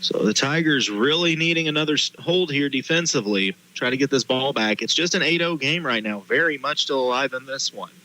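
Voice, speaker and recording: Bright, forceful male play-by-play announcer. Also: medium pitch, animated, brisk, hardly any pauses, rough recording. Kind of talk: live high school football commentary.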